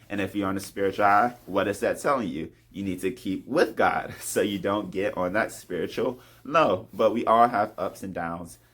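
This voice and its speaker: Here a low-voiced man gives a confessional devotional talk to camera, speaking earnestly and openly about what he believes. Gentle laughter comes between his thoughts.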